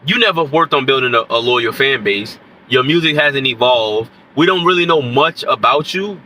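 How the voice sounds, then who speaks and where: Expressive and forceful, a medium-pitched man speaks at normal speed in a bright, nasal, congested voice; the low-quality recording has a little hiss or hum. Sick with a stuffy nose and scratchy throat, this independent rapper rambles in unscripted hip-hop commentary to camera, often saying "you know what I'm saying."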